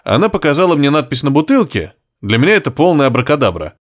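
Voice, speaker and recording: A man's voice: on the high side, big pitch swings, fast talker. A man voicing a brusque, commanding police inspector in an audiobook. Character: stubborn tense male police inspector.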